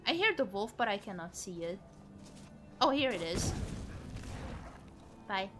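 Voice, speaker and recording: A woman live streamer giving casual, expressive gameplay commentary and chatting with viewers, exclaiming and swearing freely. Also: medium pitch, a little slow, over music.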